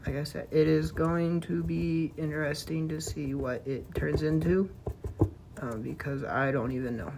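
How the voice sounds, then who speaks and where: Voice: mid-range voice, fairly even intonation, unhurried, creaky, background noise. A streamer chatting casually while painting, rambling and talking to themself about the work. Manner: rambling, self-talk while working.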